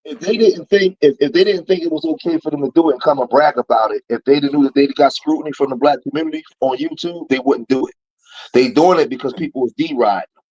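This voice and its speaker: On a livestream, a guest in his forties phones in to talk casually about street life, his lecturing growing preachy, heated and louder. His husky voice is on the high side and quick-paced, and the audio sounds dull.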